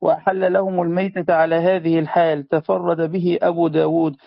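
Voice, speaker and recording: Man, high voice, gravelly, flat delivery, careful lesson reading, dry muffled recording. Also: no echo. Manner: careful, measured recitation. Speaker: reader of a classical text to a teacher. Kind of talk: reading a classical text aloud in a lesson.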